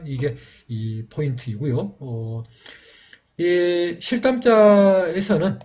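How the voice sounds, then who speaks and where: A man teaching a step-by-step writing lesson, pausing often with fillers and repeating himself as he demonstrates each stroke. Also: medium pitch, dark tone, highs cut off. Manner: halting, with frequent fillers and repeated phrases. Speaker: calligraphy teacher.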